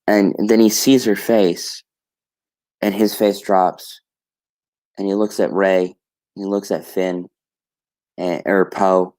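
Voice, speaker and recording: A male streamer with a somewhat low voice talks through a story in a loose, casual monologue. He rambles, doubles back on his words and corrects himself, with the odd offhand curse. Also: flat delivery, slow, pauses often, a little mellow. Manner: rambling, many restarts and self-corrections.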